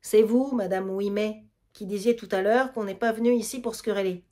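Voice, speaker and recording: A woman's voice: medium pitch, fairly even intonation, brisk, mellow, natural voice. A prim, haughty lady with airs, acted by a woman reading a play aloud. She speaks up a little and looks down on the others. Her accent is Quebec French.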